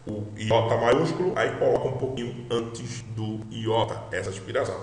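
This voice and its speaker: A man gives a recorded lesson, his voice sitting at an ordinary middle pitch. He explains patiently, says words over slowly and keeps checking in with listeners. The room around him rings with noticeable echo. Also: a little mellow. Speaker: teacher. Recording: roomy echo.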